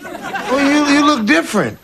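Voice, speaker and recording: A man's voice: very high voice, very animated, normal speed, vocal fry, a faint crowd, full character voice. An actor playing an exasperated, wisecracking sitcom man, sarcastic and flustered. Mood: uneasy. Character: exasperated, wisecracking young sitcom man dodging unwanted advances. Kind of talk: broad sitcom acting. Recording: loud studio audience noise.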